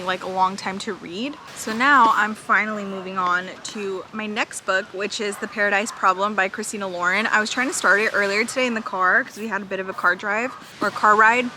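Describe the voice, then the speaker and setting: A woman's voice: medium pitch, pushed and bright, slight background noise, poor audio. A young woman chatting casually in a book vlog from a beach, rambling with lots of "like" fillers. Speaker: book vlogger. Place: outdoors at a beach.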